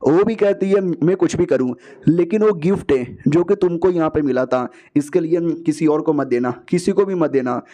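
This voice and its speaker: A man casually retelling a comic story in a jokey, slangy way, switching quickly between the characters' lines. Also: on the high side, warm tone. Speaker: manhua recap narrator.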